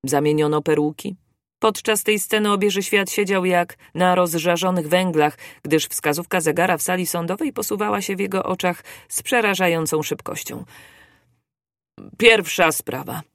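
An audiobook narrator reading a classic novel in a steady, measured storytelling voice. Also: mid-range voice, dry recording, clean studio sound. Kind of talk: scripted narration.

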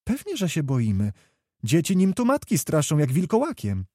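A man's voice: on the high side, huge pitch swings, moderate pace, dark tone, no room sound, clean studio sound, voice pushed up. A man voicing a tearful young village noblewoman in a plaintive, raised voice. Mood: worried.

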